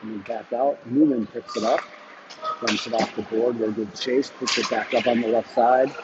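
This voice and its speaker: A man doing live hockey play-by-play commentary in quick, clipped calls that jump up on shots. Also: mid-range voice. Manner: rapid clipped calls, bursts of excitement on shots. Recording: dull lo-fi stream audio with noise.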